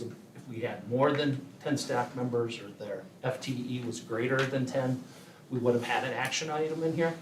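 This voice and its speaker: A man gives a measured meeting report to a school board, with frequent filler pauses. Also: mid-range voice, a little hiss or hum. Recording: echoey meeting room, voice from far off.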